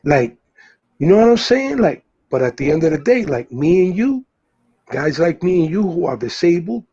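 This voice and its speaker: A man's voice: a little high, big pitch swings, moderate pace, dark tone, husky, muffled recording. A man from the US Northeast, the host, talking loosely in casual chat, full of fillers and restarts. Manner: rambling, many fillers and restarts.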